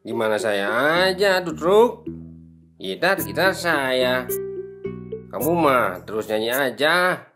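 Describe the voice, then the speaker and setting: A man plays a cheeky young village watchman who teases his friends in a Sundanese lilt. His pitch swings widely while his pace stays slow and drawn out, with clear guitar music behind him. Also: sing-song. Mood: teasing. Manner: teasing, mocking banter. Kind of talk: motion comic voice acting.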